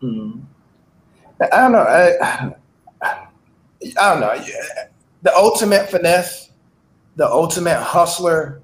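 Brief: man, high and very animated pitch, echoey room, brash chat. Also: slow, long pauses. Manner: lively, storytelling, hustler bravado. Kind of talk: casual chat.

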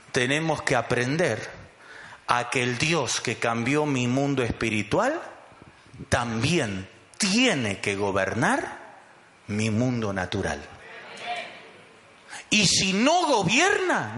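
Man, pastor, sermon, emphatic, high animated pitch, roomy echo. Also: takes it slowly. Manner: emphatic, calls the congregation to repeat after him.

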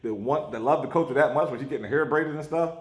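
A man's voice: a little high, fast talker. A man co-hosting a podcast in casual chat, opinionated and contrarian with a joking streak. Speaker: podcast co-host. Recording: roomy, echoey sound.

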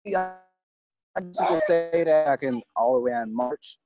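A man's voice: on the high side, unhurried, music in the background. A man chatting casually as a podcast guest over a video call, with the line choppy and cutting in and out. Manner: relaxed, slangy, rambling. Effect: choppy video call audio cutting in and out. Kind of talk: casual chat.

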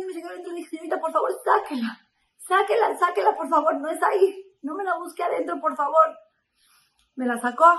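A woman's voice: sits high, recorded from a distance, slight background noise, poor audio. A woman speaking to women in a heartfelt inspirational talk, telling a story with emotional, pleading moments.

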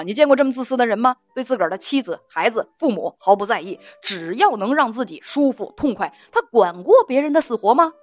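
A woman's voice: on the high side, no room sound. A woman hosting a relationship advice show, telling a listener's story with scorn and indignation and laughing along the way. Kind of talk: storytelling commentary. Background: faint music.

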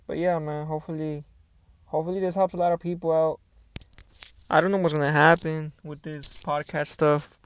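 A young man talking casually and hesitantly, thinking out loud in an unscripted solo podcast, recorded on an earbuds mic inside a car. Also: on the high side, flat delivery, moderate pace, no echo.

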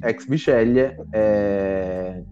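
A man reads out a squad in a casual, chatty way, stumbling over foreign names. His pace is on the slow side. The audio is dull, with light music behind him. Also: fairly low pitch. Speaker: team staff member announcing a squad. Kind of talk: casual reading of a player list with banter.

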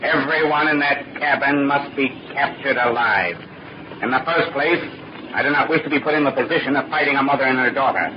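A man's voice: mid-range voice, fairly quick, natural voice. An actor playing a cold, imperious middle-aged criminal boss and father, speaking in a pompous, condescending theatrical manner in a 1940s radio serial. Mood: cold, commanding. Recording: noisy muffled old radio recording.

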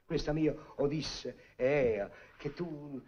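A man's voice: a little high, slow, muffled recording, over a noisy crowd. A man playing a bumbling husband back from captivity, whining and rambling comically, in an old recording. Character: bumbling middle-aged husband back from bandits.

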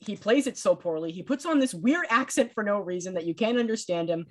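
Man, podcast guest, fast passionate film talk, casual chat. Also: high-pitched, expressive. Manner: passionate, rapid film analysis.

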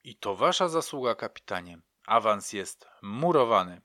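A man's voice: fairly low pitch, sing-song, moderate pace, bright, forceful tone, no room sound, clean studio sound. A man voicing a pleased, gloating male communist-era prosecutor in a crime story. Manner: pleased, congratulatory.

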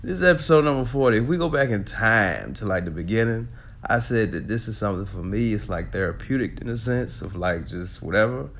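A man with a congested, rough voice hosting his own casual solo podcast, talking loosely, laughing often, swearing and repeating words as he goes. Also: lowish voice, fairly quick, fairly bright tone. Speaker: podcast host.

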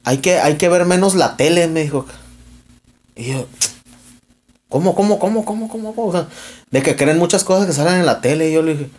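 Talking a little fast in a slightly high voice with long pauses, this young Mexican-accented podcast host recounts an argument. He swears freely, uses plenty of slang, and acts out the quoted lines with energy.

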